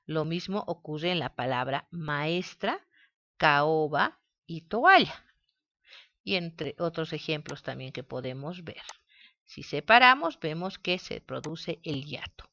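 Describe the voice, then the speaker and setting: A woman teaching a grammar lesson, speaking slowly and spelling words out syllable by syllable. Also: low-pitched, bright, forceful tone, muffled recording. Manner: slow, deliberate, spells out syllables.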